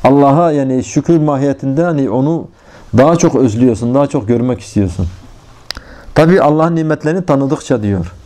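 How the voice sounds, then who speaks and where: Bir erkek vaiz, rahat bir sohbet havasında din dersi veriyor. Sesi yumuşak ve koyu tonlu, perdesi orta. Örnekleri sorularla açıyor, Arapça ibareleri okuyup açıklıyor. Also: male voice, mid-range voice, fairly quick, dark tone. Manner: conversational, explains with everyday examples and rhetorical questions; recites Arabic phrases between Turkish explanation. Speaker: religious teacher. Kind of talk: informal religious lesson.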